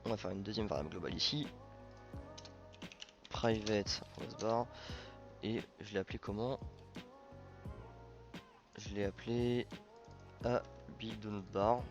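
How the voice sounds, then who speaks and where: A man's voice: lowish voice, a little slow, vocal fry, long pauses, music in the background. A man hosting a programming tutorial, thinking aloud informally with many fillers and self-corrections. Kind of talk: casual coding screencast narration.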